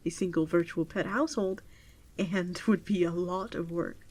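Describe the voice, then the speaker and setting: In a soft-spoken ASMR roleplay, a woman plays a gentle, doting clerk at a virtual pet adoption desk, often drifting into a whisper. Her lowish voice stays steady and close to her everyday one, unhurried, attentive, tender and fond.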